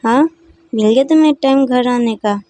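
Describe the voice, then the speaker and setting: A woman's voice: a little high, mellow, no echo, pitched above the performer's own voice, lightly acted. Woman doing a nagging, scolding mother. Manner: nagging, sarcastic, quick-tempered. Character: strict scolding mother of a grown son.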